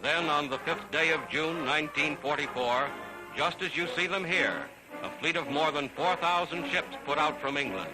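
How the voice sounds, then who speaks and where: A man's voice: fairly high pitch, lively intonation, normal speed, low-quality recording. A man giving grand, declamatory scripted narration for an old wartime newsreel. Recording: narration over loud music.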